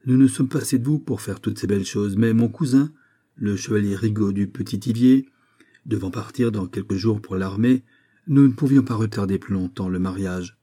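A man voicing a witty, dignified male magistrate with a taste for fine food, speaking with unruffled calm. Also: lowish voice, moderate pace, close to an everyday voice. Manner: tranquil, dignified.

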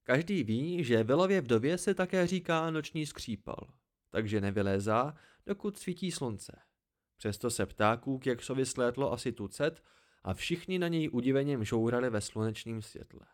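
A man reading a fantasy story aloud as an amateur audiobook narrator, in a steady, even way. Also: medium pitch.

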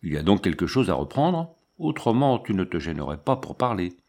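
A cold, stern army captain in his thirties, as a male narrator voices him in an audiobook. He gives curt orders in a low, steady voice. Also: a little fast. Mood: probing. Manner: curt and commanding. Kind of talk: audiobook character reading.

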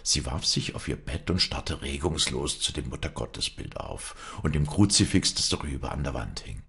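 A man reading an audiobook in an expressive storytelling manner. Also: a bass voice, normal speed, vocal fry, husky. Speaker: narrator.

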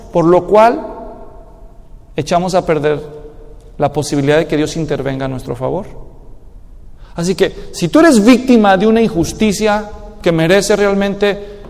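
High-voiced male pastor in echoing hall. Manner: animated preaching, acting out quoted spouses. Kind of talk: sermon. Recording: long reverb of a large hall.

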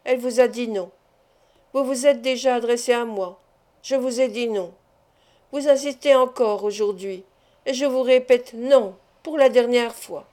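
A woman's voice: fairly high pitch, unhurried, mellow, close to an everyday voice. A woman reading the part of a stern, proud fisherman who refuses curtly and turns angry. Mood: firm. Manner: curt, firm refusals rising to anger. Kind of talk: audiobook character reading.

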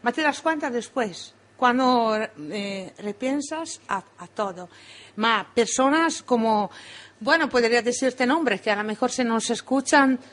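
A woman from Italy speaking Spanish with an Italian accent, her voice a touch higher than most. She talks haltingly, repeating and restarting words as she searches for them. It sounds like a radio studio interview. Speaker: interview guest, former restaurant owner.

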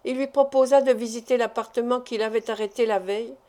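A woman narrating a classic novel as an audiobook, with even, measured storytelling. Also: on the high side.

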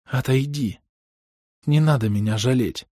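A man voicing a wild, desperate young woman in an audiobook, shrill and taunting. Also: a little slow, mellow, no room sound, studio quality, natural voice. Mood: weak quiet. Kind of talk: audiobook reading.

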